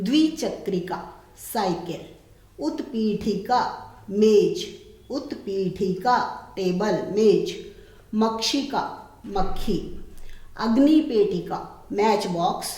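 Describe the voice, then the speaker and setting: Woman teacher, slow and deliberate, repeats word forms, echoey room. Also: medium pitch, a little mellow. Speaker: Sanskrit teacher. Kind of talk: classroom lesson explaining textbook.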